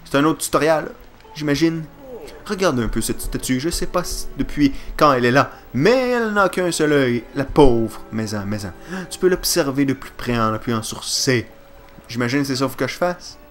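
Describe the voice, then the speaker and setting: A man with a Quebec French accent doing let's play commentary, excitable and jokey, swearing and yelping at the game. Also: medium pitch, moderate pace, faint music behind.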